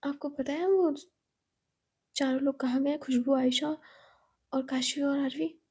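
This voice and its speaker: A woman's voice: sits high, steady tone, measured pace, mellow. A woman voicing a protective, worried young woman who speaks in an earnest, pleading way.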